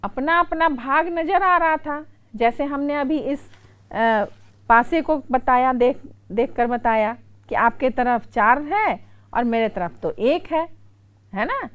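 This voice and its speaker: Bihari woman teacher reading a story to kids, slow and expressive, bright and lively. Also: sits high, smooth. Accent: Bihari Hindi. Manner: slow, expressive, acts out characters' quoted lines. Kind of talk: animated storybook lesson for children.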